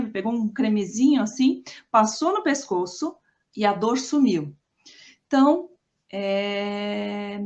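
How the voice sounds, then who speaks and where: A Brazilian woman telling her own life story in a rambling way, with many tag questions and restarts. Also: medium pitch. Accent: Brazilian Portuguese. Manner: rambling, frequent "né?" tags and restarts. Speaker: storyteller recounting her past. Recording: slightly muffled lo-fi recording.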